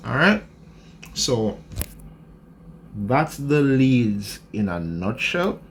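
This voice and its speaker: Slow gravelly male lecturer. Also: mid-range voice, very animated, a little hiss or hum. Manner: unhurried, checks in with "right?" often. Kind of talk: explaining a diagram in a lecture.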